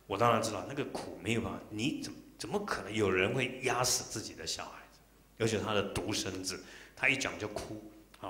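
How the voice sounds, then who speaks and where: A man's voice: on the low side, a bit bright. A middle-aged man, a Buddhist monk, giving a dharma talk full of personal stories, emotional and acting out the dialogue. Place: temple lecture hall. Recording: roomy hall echo.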